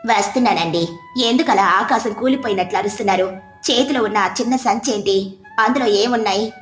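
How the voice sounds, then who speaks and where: A woman's voice: medium pitch, a little fast, close to an everyday voice. A woman voicing a patient, sensible village wife who speaks mildly and reasons things through. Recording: roomy with soft background music.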